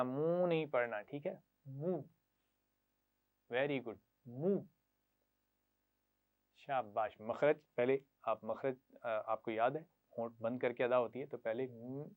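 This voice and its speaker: Patient male Quran-reading teacher. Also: medium pitch. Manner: patient, repeats syllables slowly for pupils to echo; frequent praise. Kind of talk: classroom lesson to children. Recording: tinny phone-like sound.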